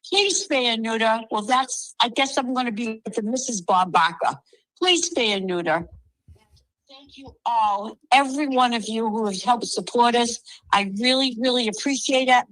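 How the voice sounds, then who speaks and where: Caller on speakerphone: woman, bright and slightly high, soft-spoken and heartfelt. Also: moderate pace, no room sound, low-quality recording. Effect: heard over a speakerphone. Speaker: guest calling in to a fundraiser stream. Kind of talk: casual chat.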